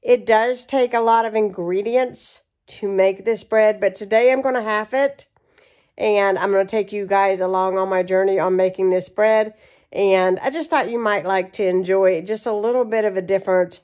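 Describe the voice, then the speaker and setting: Chatty woman baking in her kitchen. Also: medium pitch. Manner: chatty, relaxed, many ums. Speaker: home cooking vlogger. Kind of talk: casual cooking vlog talk-through. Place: home kitchen.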